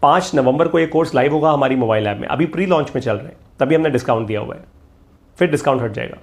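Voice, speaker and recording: A man's voice: medium pitch, fast. A middle-aged man teaching a motivational course, emphatic and repetitive, slipping English phrases into his talk. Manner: emphatic, repeats key lines, mixes English phrases.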